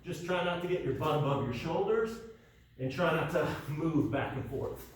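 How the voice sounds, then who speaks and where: A man's voice: fairly high pitch, expressive, normal speed, a little hiss or hum. A man coaching a workout, cueing each move step by step and getting out of breath. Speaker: fitness coach. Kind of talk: workout instruction. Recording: echoey room, mic far off.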